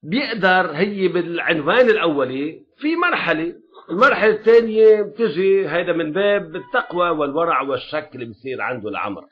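Lebanese male teacher for a classroom lecture: animated and lively, keeps checking that students follow, dull lo-fi sound. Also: fairly high pitch, fairly quick. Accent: Lebanese Arabic. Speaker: religious law teacher.

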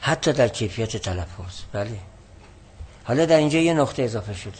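A man giving a lesson on a classical text, explaining word meanings and reading passages slowly and more loudly. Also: medium pitch, animated, husky. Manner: explanatory, reads Arabic text slowly and louder. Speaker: teacher.

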